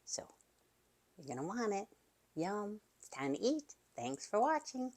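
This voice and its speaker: With a mid-range, darkish voice and a sing-song lilt, a woman walks her viewers through a recipe at a measured pace. She runs a cooking channel and is chatty and enthusiastic, talking right to "you guys" in a casual home video.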